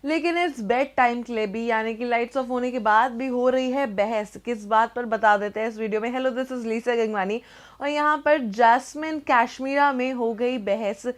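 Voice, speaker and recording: A woman's voice: on the high side, normal speed. A young adult woman presenting entertainment news in a chatty scripted narration, slipping English phrases into her talk.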